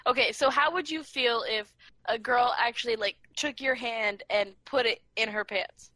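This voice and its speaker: A young woman chatting casually into a laptop, giggling and teasing with crude jokes. Her voice is bright and sits a little high, and the sound is dry and close. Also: moderate pace, dry recording. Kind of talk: casual chat. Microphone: laptop mic.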